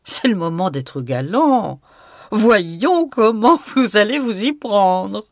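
A woman's voice: lowish voice, sing-song, slow pace, dry recording, studio quality, heavily acted. A woman reading aloud and voicing a playful, mocking young widow who provokes and giggles. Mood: teasing. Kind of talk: audiobook reading.

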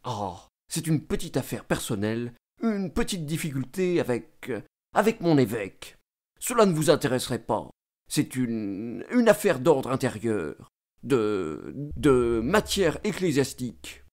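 A man voicing a humble, hesitant old country priest who speaks quietly and haltingly. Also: medium pitch, very animated, lightly acted.

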